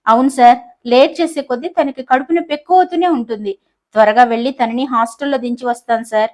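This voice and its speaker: A woman voicing a cunning, mischievous young college girl who talks in a sly, quick-witted way. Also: sits high, darkish tone, lightly acted. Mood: urgent.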